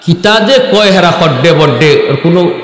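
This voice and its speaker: A man from Bangladesh with a Sylheti-tinged Bengali accent, giving a storytelling sermon that climbs to high, sing-song peaks and asks the crowd to answer. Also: lively intonation, normal speed. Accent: Sylheti-influenced Bangladeshi Bengali. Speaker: Islamic preacher. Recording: echoey hall with long reverb.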